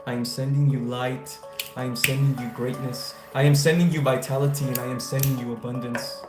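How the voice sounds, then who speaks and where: A man from the United States hosts a casual spiritual livestream, reading viewer comments, answering them and handing out enthusiastic, affirmation-style blessings. His mid-range voice is brisk and level in tone. The recording has a roomy echo, with faint guitar music behind him.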